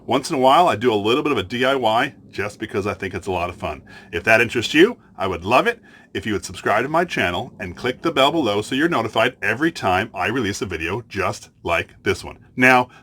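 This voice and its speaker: A man's voice: fairly low pitch, lively intonation, a little fast, a bit bright, slightly rough. A man chatting casually and upbeatly as he reviews a product, partly outdoors at a beach. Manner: chatty, upbeat, thinking aloud.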